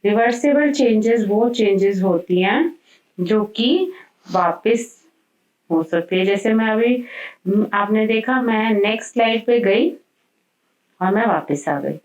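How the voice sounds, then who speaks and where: A woman teacher giving a school science lesson, explaining slowly and mixing English terms into her talk. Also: mid-range voice, a little mellow, roomy sound, far from the mic, dull audio.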